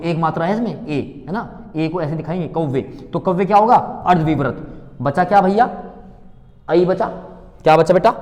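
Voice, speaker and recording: A man teaching an exam-prep class, repeating sounds aloud and asking quick rhetorical questions. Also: a little high, a little mellow, long reverb tail. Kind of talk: online exam-prep lecture.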